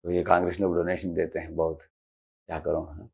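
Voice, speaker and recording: A man's voice: sits low, completely flat delivery, a little fast, gravelly, husky. A man giving a conversational devotional lecture, explaining slides and dropping English terms into his talk. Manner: conversational, mixes English terms into Hindi, frequent "haan" fillers; explains slides and acts out short quoted examples. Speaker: spiritual teacher giving a lecture. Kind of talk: devotional lecture on assertive speech.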